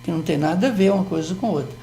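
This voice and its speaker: A man's voice: high-pitched, racing, warm tone, a little hiss or hum. An older man with a Brazilian accent explaining grammar on a TV lesson, patient and methodical, often checking in with tag questions. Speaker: Portuguese language teacher.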